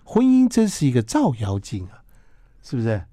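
A man with a Taiwanese Mandarin accent hosting a radio interview, firing off quick teasing questions and interjections. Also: mid-range voice, huge pitch swings, mellow, dry recording, clean studio sound. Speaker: radio host.

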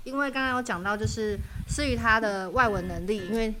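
A woman's voice: a little high, a little fast, a bit bright, a little hiss or hum. A woman hosting a casual podcast who jokes around, laughs often and pokes fun at herself. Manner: playful, laughs often, self-mocking. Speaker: podcast host. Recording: music playing under the talk.

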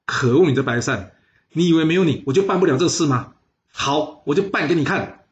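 A man voicing an ambitious, hot-tempered scheming noble with forceful, threatening speech, recorded with slightly dull audio. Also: medium pitch, fast, natural voice. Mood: angry.

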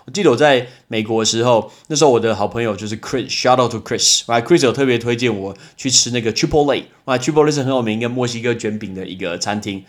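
A man's voice: medium pitch, fast talker, few pauses. A young man hosts a casual English vocabulary lesson, chatting and explaining with everyday examples. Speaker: podcast host and English teacher.

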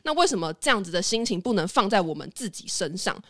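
A young adult woman with a Taiwanese Mandarin accent, telling stories in an animated, chatty way as a podcast host and laughing easily. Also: medium pitch, quick pace, no echo, clean studio sound. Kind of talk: casual storytelling chat.

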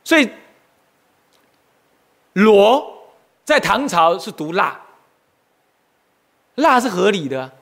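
A middle-aged male monk teaches Buddhist history in an animated lecture. His voice sits high and swings widely up and down. He keeps turning to his listeners with questions and exclamations. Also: slow pace, gravelly, long pauses. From Taiwan. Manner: animated, asks the audience questions, exclaims often.

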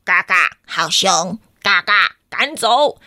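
A grumpy gang of storybook crocodiles chanting to drive people off, bossy and mock-fierce, as a woman storyteller puts them on. The voice leaps around in pitch and goes slow and deliberate. The sound is dry and close. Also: animated, pushed and bright, dry recording, full character voice.

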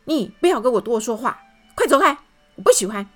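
A woman doing a huffy, shouting grumpy man. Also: on the high side, big pitch swings, brisk, faint music behind. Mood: angry shouting. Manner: shouting, huffing "hmph".

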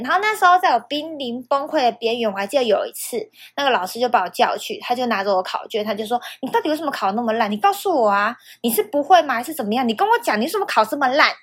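A woman's voice: a little high, fairly bright tone. A young woman hosting a podcast, telling a personal story in a candid, emotional way and acting out remembered dialogue. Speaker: podcast host.

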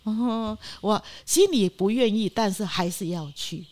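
An older woman with a Taiwanese Mandarin accent, a guest telling lively anecdotes in a casual interview and acting out what people said. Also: mid-range voice, a little slow. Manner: lively anecdotes, often acting out quoted lines and laughing.

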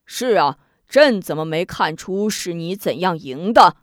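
A woman storyteller voicing a shrewd, lively male emperor who speaks in a commanding yet amused way. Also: fairly low pitch, measured pace, no echo, studio quality. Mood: regal, amused.

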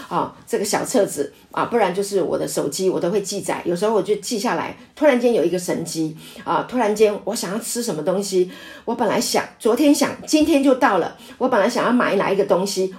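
A woman's voice: medium pitch, a little mellow. Earnest woman pastor, many "ah" fillers. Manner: earnest, filler-heavy with frequent "ah", testimony-driven. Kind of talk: Bible study teaching.

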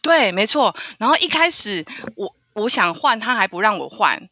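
A woman from Taiwan, telling a travel story as a podcast guest in an animated way, often stammering and repeating words. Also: mid-range voice, normal speed, no echo, studio quality. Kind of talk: casual storytelling interview.

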